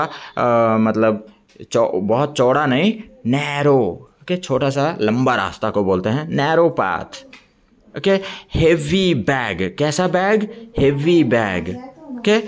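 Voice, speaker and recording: Teacher type: man, fairly high voice, slow and patient, drills young kids with repeated questions and "okay?" checks. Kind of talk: bilingual classroom lesson.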